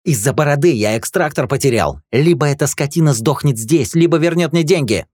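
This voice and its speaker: A man's voice: expressive, a little fast, no room sound, clean studio sound. A man voicing a fat, hot-tempered male gang boss who shrieks and hurls insults. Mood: shrill mocking. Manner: shrill, insulting, yelling.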